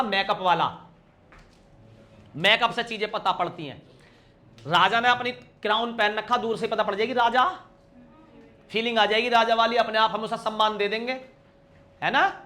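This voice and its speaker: High, bright-voiced male teacher, playful. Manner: lively, teasing, asks students questions and answers himself; acts out little everyday scenes in quick shifts of voice. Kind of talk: exam-prep grammar lesson.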